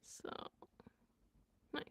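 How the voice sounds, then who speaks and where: A woman's voice: drawn-out words, sharp tone, in a whisper. A young woman chatting casually on a live stream, giggling and sounding out words as she learns them. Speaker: vlogger and language learner.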